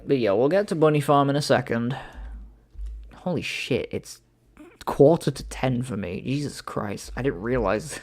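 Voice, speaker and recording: A man's voice: lowish voice, darkish tone. Laid-back young streamer guy. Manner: laid-back, swears casually, laughs easily. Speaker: livestream host. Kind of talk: casual live commentary.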